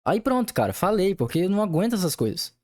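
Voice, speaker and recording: A young male podcast host with a high, sing-song, slightly mellow voice talks fast while venting his anger over his job and swearing a lot.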